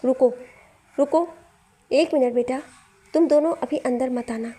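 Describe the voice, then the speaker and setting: A woman's voice: high voice, unhurried, dark tone. A woman voicing a middle-aged mother who scolds her son but fusses over her daughter-in-law. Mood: motherly.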